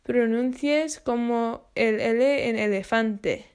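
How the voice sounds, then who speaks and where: A woman giving a scripted English pronunciation lesson, spelling out sounds slowly and carefully. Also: fairly high pitch, darkish tone, clear, resonant tone. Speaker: English teacher.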